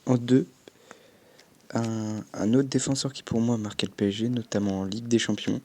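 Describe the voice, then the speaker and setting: A man's voice: fairly low pitch, level tone, moderate pace, a little mellow. A young man chatting casually as a gaming YouTuber, commenting on his game with offhand swearing and little sound effects.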